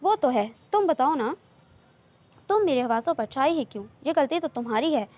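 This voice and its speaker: A woman with a high, expressive voice reads a romance novel at a moderate pace, voicing a playful young man who persistently courts his cousin. The tone is teasing yet tender as she plays this loving suitor, though the recording sounds muffled.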